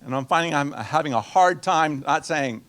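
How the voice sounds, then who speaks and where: Speaking at a normal speed in a fairly bright, slightly high voice, a nonprofit finance presenter from Guatemala, a native Spanish speaker in his sixties, runs a conversational seminar. He tosses questions to the audience and drops in dry humor.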